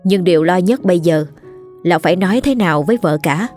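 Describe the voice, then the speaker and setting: A woman tells a ghost story in a steady, measured voice that sits on the low side. Soft music plays quietly behind her narration. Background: soft background music.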